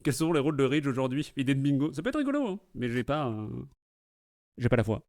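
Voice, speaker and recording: A man's voice: medium pitch, lively intonation, fast talker, darkish tone. A man with a Québécois accent hosting a watch party, chatting playfully and laughing often. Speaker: host. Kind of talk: casual watch-party commentary.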